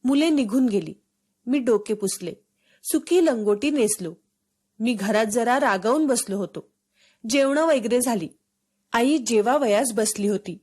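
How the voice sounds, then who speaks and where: A woman narrating a storybook for schoolchildren in a steady, expressive read-aloud. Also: fairly high pitch, a little slow, long pauses, husky.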